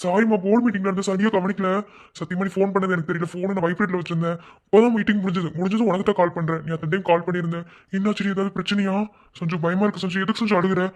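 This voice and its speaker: A man's voice: sits high, steady tone, very fast, lightly acted. A man voicing a young man working abroad in a cartoon love story, soothing and insisting that his partner trust him. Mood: reassuring.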